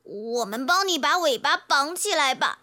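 A woman doing a gentle, curious little kid. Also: high-pitched, animated, normal speed, pitched above the performer's own voice. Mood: caring, curious. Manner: caring, sing-song questions. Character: kind, curious little child, gently scolding. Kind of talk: children's storybook voice acting.

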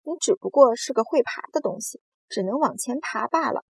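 A woman voicing a boastful, cheeky male giant centipede in a storybook reading, bragging and teasing loudly. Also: mid-range voice, animated, moderate pace, vocal fry, slightly rough, no room sound.

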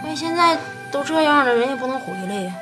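一名女演员饰演一位要强倔犟的妻子，带东北口音，说话带着辩解。. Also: female voice, sits high, animated, fast, music in the background. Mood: stubborn. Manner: stubborn, defensive. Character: stubborn proud married woman. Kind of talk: TV series acting.

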